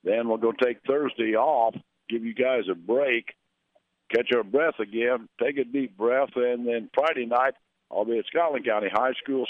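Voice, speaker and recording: A man's voice: mid-range voice, dry recording. Man, radio sports announcer, conversational, tinny phone-like sound. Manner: conversational, reads scores and schedules. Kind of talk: local radio basketball broadcast.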